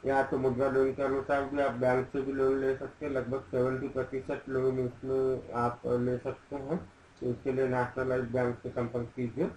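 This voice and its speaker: Male voice-over narrator, chatty explainer, monotone delivery, echoey room. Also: mid-range voice, moderate pace, a little hiss or hum. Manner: conversational, with fillers and restarts. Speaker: business video narrator.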